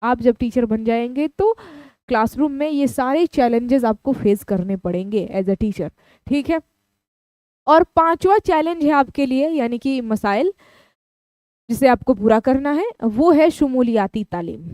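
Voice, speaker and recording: A woman teaches an exam-prep lesson, explaining each term and restating it in simpler words. Her voice sits a little high yet sounds mellow and smooth. The recording is close and dry. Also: expressive, unhurried, dry recording. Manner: explanatory, repeats terms in several languages.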